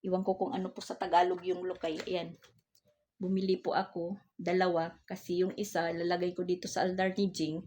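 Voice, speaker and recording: A woman's voice: on the low side, flat delivery, brisk, dark tone, slight background noise. A middle-aged woman, telling a story to her vlog viewers in a polite, chatty way. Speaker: vlog host.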